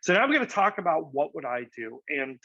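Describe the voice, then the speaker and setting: A man's voice: fairly high pitch, very animated, brisk, bright, forceful tone, breathy edge, no room sound. A man, a real estate agent casually explaining market charts, with frequent fillers and "right?" asides. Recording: dry, slightly dull lo-fi audio.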